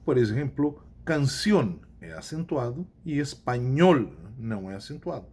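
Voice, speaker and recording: Very animated yet measured in pace, a man with a Brazilian Portuguese accent teaches Spanish in a recorded lesson. He repeats the key points and stops to check his students are following. His medium-pitched voice is a little mellow and slightly rough.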